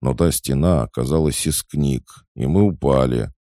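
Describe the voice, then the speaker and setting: A man's voice: a bass voice, moderate pace, dark tone, dry recording, studio quality, pitched above the performer's own voice. A man voicing an awkward, lovesick teenage boy in an audiobook, whining and defensive. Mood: whiny. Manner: whiny, defensive.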